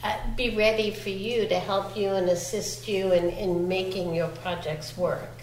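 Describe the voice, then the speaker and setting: A woman's voice: mid-range voice, steady tone, moderate pace, a little hiss or hum. Direct woman speaking in an echoey room. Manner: direct, questioning, conversational. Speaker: hardware showroom representative. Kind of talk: panel discussion.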